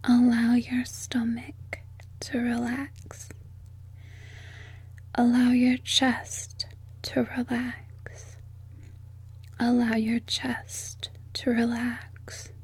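Woman, breathy whisper, very slow and flat, soothing repetitive sleep-hypnosis read. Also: on the high side.

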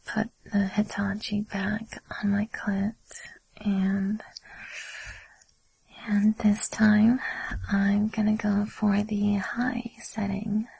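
Young woman whispering real slow, super breathy, bit of vocal fry. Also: mid-range voice, a little mellow, dry recording, low-quality recording. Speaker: audio creator. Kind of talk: intimate whispered audio.

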